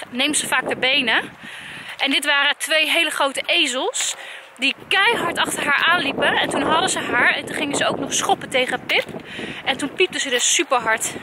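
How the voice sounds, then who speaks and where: A woman's voice: high-pitched, background noise. A Dutch woman in her thirties, a mother filming a family vlog, chatting to the camera and soothing her frightened dog. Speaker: vlogger, mother. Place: outdoors, then at home.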